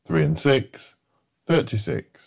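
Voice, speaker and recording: A man's voice: a little high, takes it slowly, vocal fry, a little mellow. A man working as a bingo caller, announcing numbers in set phrases with a matter-of-fact delivery.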